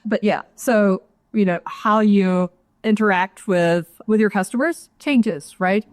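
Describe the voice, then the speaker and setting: A woman, an actuary guest in an interview, explaining her points in a measured way and often adding "right?". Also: medium pitch, dry recording, clean studio sound. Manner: measured, explanatory, adds tag questions. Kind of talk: interview answer.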